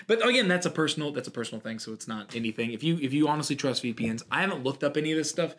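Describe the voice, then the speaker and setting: A man co-hosting a podcast, chatting casually and airing opinions with lively asides. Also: a little high. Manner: animated, opinionated, quick asides. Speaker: podcast co-host. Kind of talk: casual chat.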